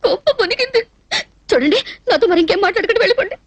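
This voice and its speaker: Brief: sweet, innocent young woman in a film dub, earnest and tearful, very high-pitched, dry and close. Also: animated, racing, no echo. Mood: hurt. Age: young adult. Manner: innocent, eager, easily tearful. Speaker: dubbing actress. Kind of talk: dubbed film comedy acting.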